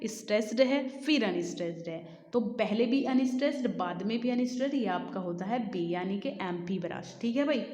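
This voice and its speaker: A woman's voice: mid-range voice, darkish tone. Echoey woman teacher explaining exam answers. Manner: reads questions slowly, explains in mixed Hindi and English, corrects herself. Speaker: English literature teacher. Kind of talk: exam practice lesson. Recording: echoey room with long reverb.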